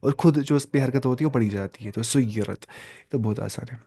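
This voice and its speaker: A man's voice: medium pitch, fairly quick, warm tone, husky, no room sound, studio quality. A man teaching Quran reading in a class. He puts questions to the class, answers them himself, and repeats and stretches out sounds to demonstrate them. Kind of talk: classroom lesson.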